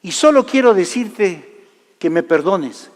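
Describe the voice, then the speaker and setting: A man preaching a sermon, telling a personal story and swinging from loud to hushed delivery. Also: sits high, expressive, slow pace. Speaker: pastor. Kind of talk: sermon testimony. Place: large church hall. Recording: live church hall reverb.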